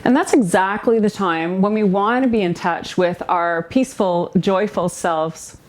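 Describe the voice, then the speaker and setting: A woman with a mid-range voice acts as a relaxation guide for a yoga nidra meditation. She offers gentle, soothing instructions and pauses between phrases.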